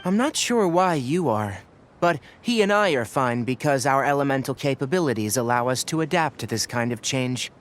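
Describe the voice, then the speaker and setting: An actor playing a calm, scholarly young male researcher in a video game, articulate and measured as he explains. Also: medium pitch, slight background noise, lightly acted. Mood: calm, analytical.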